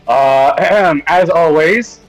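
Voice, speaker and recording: A man's voice: on the high side, gravelly, poor audio. A man playing a tabletop game, chatting casually, hesitantly thinking aloud and joking. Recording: music playing behind. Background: background music.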